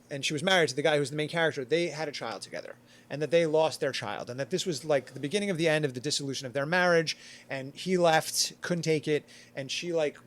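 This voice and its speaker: A man chatting casually on a podcast panel, rambling and full of "like", acting out quotes as he goes. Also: on the high side. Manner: rambling, filler-heavy retelling with acted quotes.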